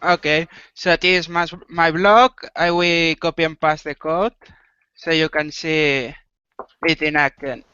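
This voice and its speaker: Give me a slow, crisp man on a video call. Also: a little high, level tone, bright, forceful tone, no echo. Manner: explains step by step, with pauses and small fillers. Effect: heard over a video call. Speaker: developer presenting a demo. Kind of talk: casual technical walkthrough. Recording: dull, lo-fi video call audio.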